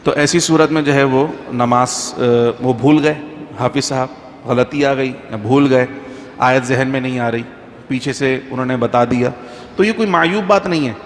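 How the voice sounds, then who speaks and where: A man, a mufti, giving an informal religious talk to a congregation in a mosque, conversational and full of anecdotes. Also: medium pitch. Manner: conversational, anecdotal, chants Quranic verses slowly. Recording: faint background noise, long reverb.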